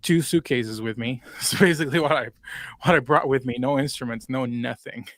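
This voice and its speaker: Talking fairly quickly at a medium pitch, a man from Puerto Rico in his twenties recounts his story as a casual interview guest. His Spanish accent comes through as he rambles with lots of fillers, and the recording is dry.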